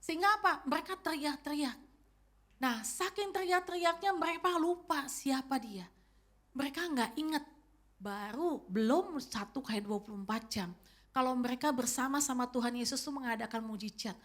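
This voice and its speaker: A woman's voice: high-pitched, moderate pace, a bit bright. A woman in her fifties preaching a sermon as pastor, telling the story directly to her congregation. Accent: Indonesian. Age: 50s.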